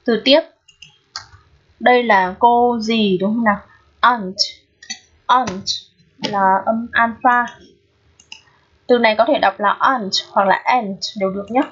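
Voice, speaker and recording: A woman with a slightly husky voice talks students through a pronunciation lesson. She is patient and often checks in with them through quick questions. The recording is dull and lo-fi. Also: fairly high pitch, fairly even intonation. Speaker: English teacher.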